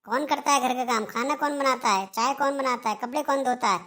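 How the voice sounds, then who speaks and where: A woman's voice: sits high, fairly quick, a bit bright. A woman voicing a young daughter-in-law in a Hindi cartoon, complaining and answering back sharply. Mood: indignant.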